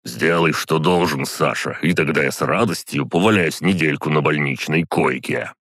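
Stubborn bossy old count, read by a male narrator; slow, indignant delivery, dry booth sound. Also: rumbling low, a bit bright, dry recording. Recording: dry close studio sound.

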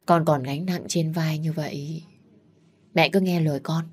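A woman's voice: deep voice, steady tone, measured pace, a little mellow, slightly rough. A woman voicing a responsible young elder daughter who steadily reassures her family. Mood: resolute. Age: young adult.

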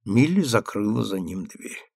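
A male audiobook narrator reading a novel in a measured, expressive way, letting his intonation rise and fall widely. The recording is dry and close. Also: lowish voice, vocal fry, breathy edge, no room sound. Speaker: audiobook reader.

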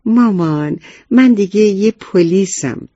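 A man's voice: high-pitched, animated, mellow, no echo, highs cut off, pitched above the performer's own voice. A man voicing an earnest young schoolboy who lectures his parents about safety rules, in a storybook reading. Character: earnest rule-minded schoolboy, first grader.

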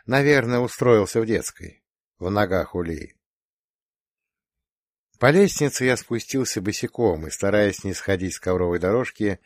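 A man reading a first-person story in an expressive, scripted narration style. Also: on the low side, dry recording, studio quality. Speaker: audiobook narrator.

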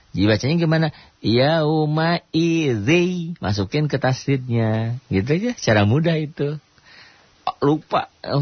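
A man teaching Quran recitation rules on a radio programme, asking himself questions and answering them, and chanting verses slowly to show the rules. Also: on the low side, husky, no room sound. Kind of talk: radio tajwid lesson. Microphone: studio radio mic. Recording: dull dry radio broadcast.

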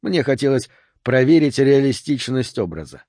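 A man voicing a calm, refined male agent with a Southern US accent, speaking courteously and with irony. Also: mid-range voice, normal speed, dry recording, clean studio sound. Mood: urbane. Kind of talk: audiobook character voice.

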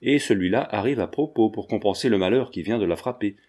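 A man's voice: fairly low pitch, brisk, a little mellow, natural voice. A man voicing an earnest, serious young painter who speaks sincerely.

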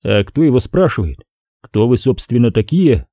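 A man's voice: mid-range voice, big pitch swings, normal speed, warm tone, no room sound, clean studio sound. A man reading an audiobook, voicing a nervous male researcher answering police questions defensively. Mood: anxious. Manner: anxious, defensive.

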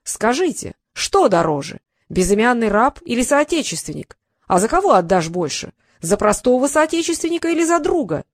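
A sly, greedy slave trader haggling over a price, as a woman reading the story puts him on, his wheedling voice swooping from low to high. Dry, close recording with no reverb. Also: big pitch swings, normal speed.

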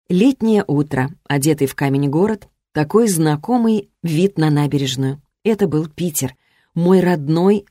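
A woman reading a first-person romantic fantasy novel aloud, expressive, lifting her voice for the heroine's lines. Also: sits low, no echo, studio quality. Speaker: audiobook narrator. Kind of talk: first-person fiction narration.

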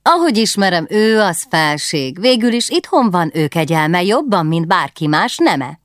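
A woman's voice: on the low side, very animated, no echo, clean studio sound. A woman voicing a fussy, prim lady-in-waiting who scolds and warns. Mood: scolding. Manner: prim, reproachful.

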